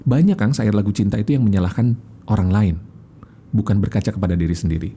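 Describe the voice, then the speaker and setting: A man as a podcast guest, a communication coach who explains in an animated way and acts out little examples. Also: fairly low pitch, quick pace, slightly rough. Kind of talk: casual interview chat.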